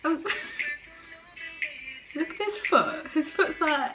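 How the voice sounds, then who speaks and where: A young woman chats unhurriedly through a reaction video in her bedroom, giggling often. Her voice sits high, and her pace is leisurely. A song plays clearly underneath. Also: very slow. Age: young adult. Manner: giggly, chatty. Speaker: vlogger host. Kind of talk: casual reaction chat. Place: bedroom, indoors. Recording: music playing behind. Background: music.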